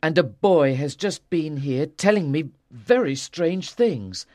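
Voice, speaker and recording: A woman plays a young storybook king, proud and troubled. The pitch is low and swings widely, with slow, emphatic delivery and a short temper. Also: expressive, a little mellow, no echo, studio quality. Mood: brooding, sad. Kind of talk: storybook character voice.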